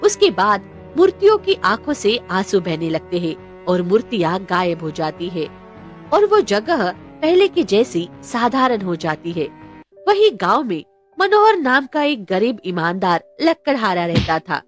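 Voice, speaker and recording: A woman's voice: mid-range voice, very animated, a little slow, faint music behind. A woman narrating a cartoon moral story in a dramatic storytelling manner.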